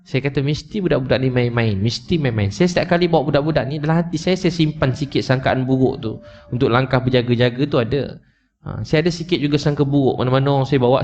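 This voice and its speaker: A man's voice: medium pitch, quick pace, darkish tone. A man preaching to a live audience, telling a story with emotion, repeating his points and speaking straight to his listeners. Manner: emotional, repetitive, addresses listeners directly. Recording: slightly dull lo-fi recording.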